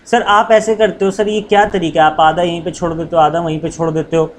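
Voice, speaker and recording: A man's voice: fairly high pitch, steady tone, brisk, slight background noise, close to an everyday voice. A male teacher voicing a cheeky student who keeps questioning and complaining in class.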